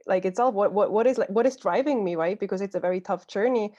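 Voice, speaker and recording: A woman's voice: mid-range voice, quick pace, dark tone, muffled recording. A young woman from Switzerland speaking on an online panel, hesitant and often repeating words as she searches for them. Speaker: youth climate advocate, panelist.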